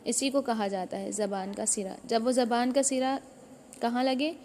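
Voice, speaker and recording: A woman teaching a Quran recitation lesson online, patiently explaining step by step, asking herself questions and slowly drawing out letter sounds to demonstrate. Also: on the high side, darkish tone, slight background noise.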